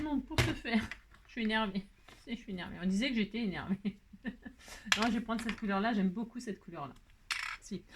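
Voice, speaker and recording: A woman hosting a casual crafting tutorial at her home craft table. She chats away and answers her own remarks, adds playful sound effects, and grumbles over slips before laughing them off. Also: mid-range voice. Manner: gets annoyed by mistakes, then laughs it off. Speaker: crafting video host. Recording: noisy home recording.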